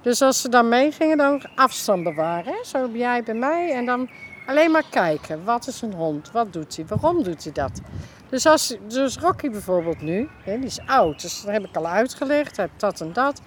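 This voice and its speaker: Woman, casual interview, lively storyteller, slightly high voice. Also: normal speed, slight background noise. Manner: lively, acts out conversations in quoted voices. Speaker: neighbourhood resident being interviewed.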